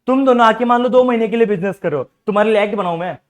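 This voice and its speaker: A young man with a high voice talks fast while teaching a commerce class. He keeps quizzing his students and urging them to ask their doubts during the lecture.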